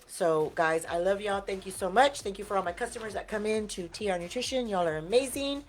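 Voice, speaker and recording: A woman's voice: medium pitch, fairly quick. A woman co-hosting a casual live stream, blunt, playful and teasing. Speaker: co-host, nutrition shop owner.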